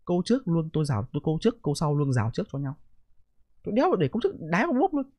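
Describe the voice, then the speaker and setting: A middle-aged man rants on his live stream, blunt and profane. He talks fast with a swooping, lively pitch. The sound is close and dry. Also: dry recording. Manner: blunt, profane, defensive ranting. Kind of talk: live stream reaction commentary.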